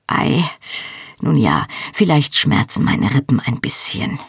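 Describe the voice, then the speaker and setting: A woman's voice: very deep voice, big pitch swings, takes it slowly, gravelly, slightly rough, dry recording, studio quality, exaggerated voice. Woman reading as a battered young man. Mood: wry.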